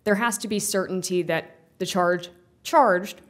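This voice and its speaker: A woman's voice: mid-range voice, a little slow. A woman defense attorney giving a formal, careful appellate argument to a panel of judges.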